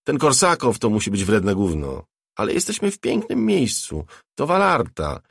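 A man voicing a brash, talkative young ex-hacker in an audiobook, a little louder and brighter than his narration. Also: medium pitch, wildly swooping pitch, moderate pace, vocal fry, slightly rough, no echo, studio quality, pitched above the performer's own voice, exaggerated voice. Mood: boastful chatter. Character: cocky young male ex-hacker, chatty and sly.

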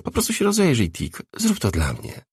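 A man's voice: mid-range voice, huge pitch swings, moderate pace, gravelly, darkish tone, slightly rough, dry recording, clean studio sound, voice pushed up, full character voice. A man voicing a tough, mocking, streetwise woman in a storybook reading, blunt and needling. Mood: brusque.

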